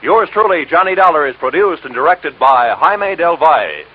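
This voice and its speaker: A man's voice: a little high, big pitch swings, normal speed, breathy edge. A man giving formal scripted announcements and credits, heard from an old broadcast disc transcription. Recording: tinny old radio disc with music behind.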